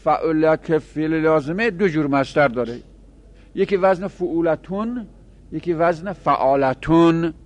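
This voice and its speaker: A man teaching a grammar lesson to seminary students, chanting example words slowly and then explaining them in quick asides. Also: a little high. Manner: addresses students directly, with small laughs. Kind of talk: classroom lecture on Arabic grammar.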